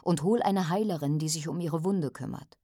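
A woman reading a storybook voices a powerful man who gives hushed, commanding orders. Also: low voice, moderate pace, breathy edge, dry recording, studio quality. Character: cold commanding powerful man, quiet menace.

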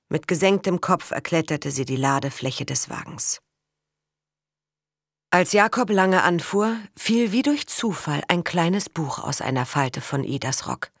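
A woman narrating a story in a calm, measured way, as an audiobook reader. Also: low voice, no echo. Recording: dry close mic.

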